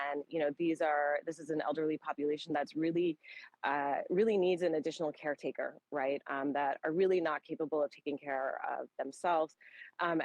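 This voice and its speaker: Speaking in a news interview, a humanitarian relief worker gives spontaneous, explanatory answers, feeling her way through her phrases. Her voice is low and somewhat dark, recorded with no echo.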